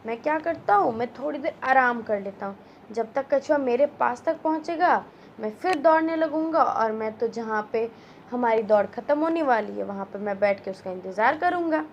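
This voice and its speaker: A woman's voice: on the high side, expressive, normal speed, lo-fi sound, a little hiss or hum. A woman voicing a boastful male hare in a children's story, thinking aloud in a smug way.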